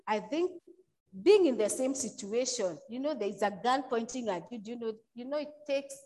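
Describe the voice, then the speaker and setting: A woman preaching a sermon in a loose, conversational way, often restarting and saying "you know", and she pushes certain points out louder. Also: a little high, expressive, normal speed, rough recording.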